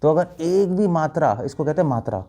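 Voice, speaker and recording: A monk gives a spiritual talk to a live group. His voice is dark and mellow. He quizzes his listeners and chants lines to show how they should sound. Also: fairly high pitch, lively intonation, a little fast. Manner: questioning listeners, demonstrating chants. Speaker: monk teacher.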